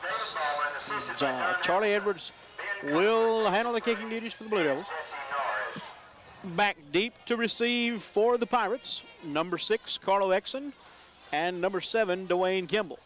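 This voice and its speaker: A man calling high school football play-by-play, building up loudly on big plays. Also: measured pace. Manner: excitable in big plays, rising loud. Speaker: play-by-play announcer.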